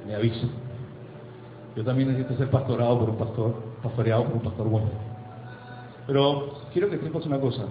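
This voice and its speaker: A man preaching as pastor, emphatic, asking rhetorical questions and slowing down for effect. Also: medium pitch, echoey room, lo-fi sound, a little hiss or hum. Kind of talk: sermon. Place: church sanctuary.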